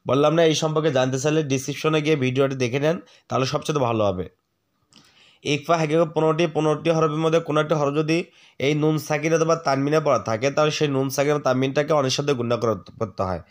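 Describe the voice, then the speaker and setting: A man teaching the rules of Quran recitation, patiently spelling out each letter, asking the viewer questions and reciting words slowly for them to repeat. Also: fairly high pitch, steady tone. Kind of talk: tajweed lesson, spelling out letters and drawn-out recitation.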